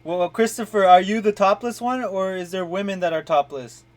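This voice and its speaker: A confident, teasing man hosts a stock-chat live stream. His voice sits fairly high for a man. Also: normal speed.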